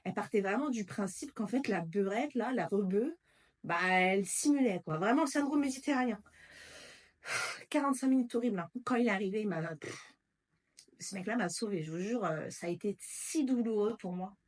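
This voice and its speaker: A woman's voice: medium pitch, expressive, normal speed. Blunt, emotional woman vlogger. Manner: blunt and emotional, with slang and swearing. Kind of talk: candid casual storytelling.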